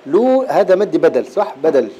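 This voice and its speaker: A man with an Egyptian Arabic accent teaching Quran recitation in a classroom lecture. He explains patiently, repeats key terms and breaks into slow chanted verse. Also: fairly high pitch, sing-song, dark tone, husky.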